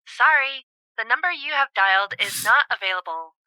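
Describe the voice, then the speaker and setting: A woman voicing an automated phone operator, heard as a recorded phone message, polite and even. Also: fairly high pitch, moderate pace, smooth, dry recording, low-quality recording. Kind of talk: dubbed drama.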